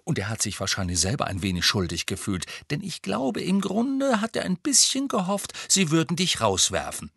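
Male narrator voicing a know-it-all teen girl, stern, raised pitch, bright close sound. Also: wildly swooping pitch, normal speed, gravelly, hardly any pauses, slightly rough, dry recording, full character voice. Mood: lecturing. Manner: stern, precocious. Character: earnest bossy teenage girl, know-it-all.

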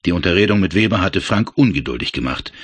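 Expressive low-voiced male narrator. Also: fast talker, slightly rough, dry recording. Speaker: audiobook narrator. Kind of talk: scripted narration.

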